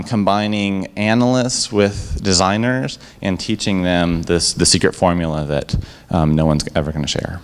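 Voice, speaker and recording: In an event room, a man gives an enthusiastic startup pitch to a live audience and answers their questions afterward, holding a handheld microphone. His upbeat sales patter is full of restarts.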